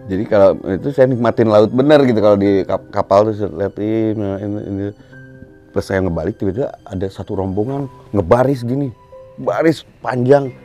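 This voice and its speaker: A middle-aged man from Bandung, a band musician, telling a story in an animated way on a casual podcast and acting out scenes with sound words. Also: on the low side, fairly quick, faint music behind. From Bandung, Indonesia.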